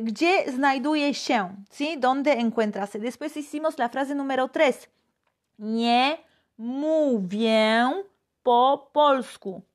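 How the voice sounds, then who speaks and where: A woman teaches a live online Polish lesson. She drills phrases aloud and greets her viewers. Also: fairly high pitch.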